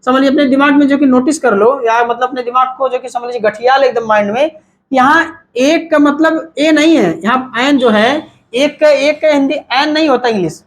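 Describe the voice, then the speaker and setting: A man's voice: extremely high pitch, normal speed. A male teacher giving a whiteboard grammar lesson, asking and answering his own questions and mixing Hindi with English terms.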